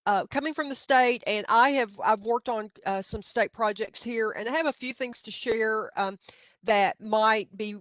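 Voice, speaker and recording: A woman's voice: fairly high pitch, moderate pace, a bit bright, no room sound, rough recording. A middle-aged woman with a Middle Tennessee accent gives an informal training presentation in a hesitant, folksy, self-deprecating way. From Middle Tennessee, United States. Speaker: university grant budget specialist, presenter.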